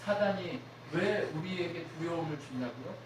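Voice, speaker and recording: A man's voice: on the high side, animated, moderate pace, very echoey, far from the mic, noisy background. A man preaching a sermon as pastor, often asking the congregation questions and acting out the voices of people he quotes. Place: church sanctuary.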